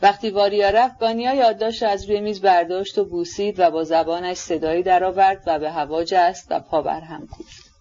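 Steady audiobook narrator, muffled sound. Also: mid-range voice. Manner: steady, measured reading.

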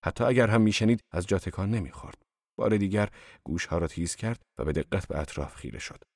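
A man narrating a novel as an audiobook in a steady, measured storytelling manner. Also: low-pitched, no echo, studio quality. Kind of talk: scripted literary narration.

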